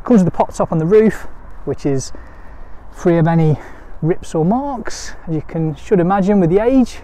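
High, mellow-voiced man's sales walk-around. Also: expressive, moderate pace. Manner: upbeat sales patter, often repeats words. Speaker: motorhome dealer presenter. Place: outdoors beside a camper van, then inside it. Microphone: phone camera held by the speaker.

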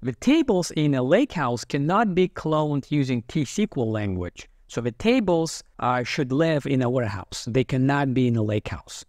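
A man narrating a screen-recorded software tutorial, explaining each step calmly and methodically as he types. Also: mid-range voice, normal speed, few pauses, no echo, clean studio sound. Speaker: software instructor.

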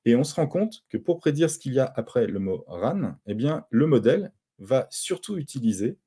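Dark-voiced man explaining at a conference. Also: medium pitch, husky. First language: French. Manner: explanatory, with frequent hesitations and restarts. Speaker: conference speaker. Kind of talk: conference talk with slides.

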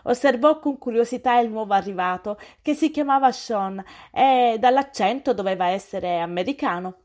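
A woman reads a novel aloud in scripted audiobook narration. Her voice sits fairly high and moves along in a steady storytelling rhythm. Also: moderate pace.

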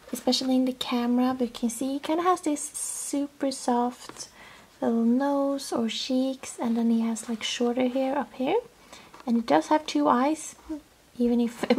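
Chatty Swedish-accented woman vlogger, high and a bit husky, slips into near whispers. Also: a little mellow. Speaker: toy collector vlogger. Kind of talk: casual show-and-tell vlog.

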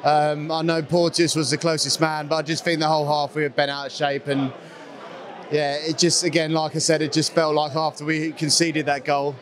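A man's voice: a little high, flat delivery, moderate pace, some chatter behind. A young man giving plain, level opinions on a match as a guest in a casual football chat, on a handheld mic. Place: small studio set with a painted wall backdrop.

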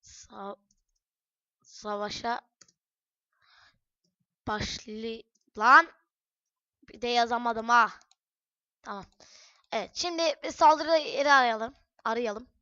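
A woman giving chatty let's-play commentary on a headset mic at home, cursing and breaking into loud shouts. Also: fairly high pitch, slow pace, pauses often, dry recording, muffled recording. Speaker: gaming channel host. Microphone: headset microphone.

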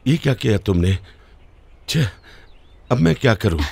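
A man's voice: mid-range voice, sing-song, a little slow, creaky, darkish tone, husky, heavily acted. An actor dubbing a wary young male writer in a romantic film, dry and suspicious in his questions. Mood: wry. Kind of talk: Hindi film dub.

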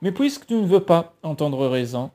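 Un homme qui lit un roman à voix haute et prête sa voix à une mère autoritaire et méprisante. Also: male voice, a little high, very animated, moderate pace, dark tone.

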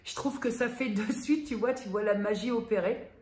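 A woman's voice: fairly high pitch, normal speed, a little mellow. A woman vlogger chatting casually and familiarly to her viewer, a little self-mocking. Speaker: beauty vlogger. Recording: roomy echo, faint background noise.

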